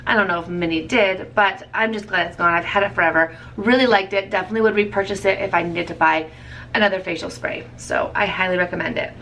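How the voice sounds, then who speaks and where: A woman's voice: lowish voice, fast talker, sharp tone, recorded from a distance, a little hiss or hum. A woman in her thirties chatting casually as a beauty vlogger, rambling and correcting herself with small laughs. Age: 30s. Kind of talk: casual product review chat.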